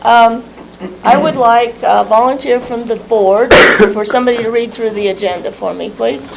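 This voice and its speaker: A woman chairing a board meeting, opening it with a halting, hesitant welcome. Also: a little high, gravelly, heavy background noise.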